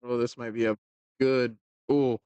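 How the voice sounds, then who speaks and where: A man calls a pool match in a loose, joking way, full of casual fillers. His voice sits at an ordinary middle pitch. The sound is close and dry, with no room echo. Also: flat delivery, a little slow, warm tone, smooth, lo-fi sound. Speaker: pool commentator. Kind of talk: casual live commentary.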